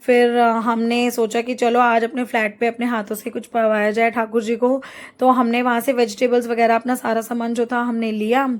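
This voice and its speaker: A middle-aged woman narrating a family travel vlog in a chatty, rambling way, pausing to find words. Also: fairly high pitch, flat delivery. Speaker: travel vlogger.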